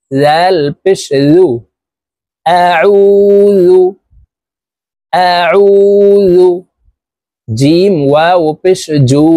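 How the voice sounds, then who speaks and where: A Bangladeshi man leads a Quran reading drill, stretching each syllable long and slow for learners to repeat after him. His voice is mellow and soft-edged. The sound is dry and close, with no room around it. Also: fairly high pitch, no room sound. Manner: slow drawn-out syllable chanting between quick explanations.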